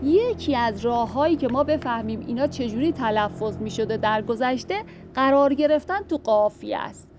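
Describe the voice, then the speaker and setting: A woman's voice: fairly high pitch, over music. A woman teaching classical poetry, reading verses aloud and thinking them through as she explains. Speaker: literature teacher.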